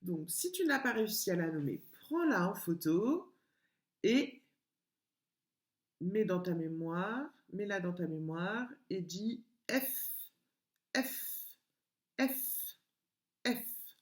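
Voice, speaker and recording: A woman teaching a home-schooling lesson to young children, speaking slowly and stretching out sounds in a sing-song way. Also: mid-range voice, very animated. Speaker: kindergarten teacher. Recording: echoey room.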